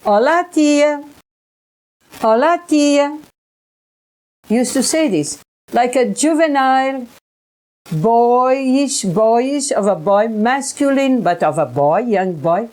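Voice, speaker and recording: A woman, telling her own experiences in a halting way, often repeating and restarting words. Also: on the high side, expressive, darkish tone. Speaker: researcher sharing experiences. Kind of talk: personal recollection monologue.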